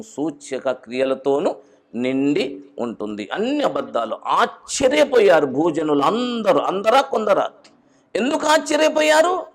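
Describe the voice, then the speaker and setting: A man preaching a sermon, moving between loud urgent exhortation and low, intense warnings. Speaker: pastor.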